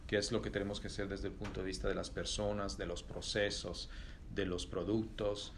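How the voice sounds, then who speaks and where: Gravelly man, thoughtful. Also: lowish voice, level tone, slight background noise. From Italy. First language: Italian. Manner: thoughtful, pauses with many fillers and restarts. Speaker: company executive, interview guest. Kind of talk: reflective interview answers.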